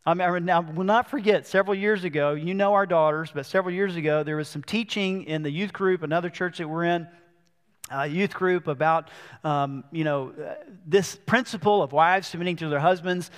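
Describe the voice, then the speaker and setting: A male pastor preaching a sermon, slowing down to read scripture and leaning hard on key words. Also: fairly high pitch, smooth. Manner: reads scripture slowly, stresses key words. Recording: long church reverb.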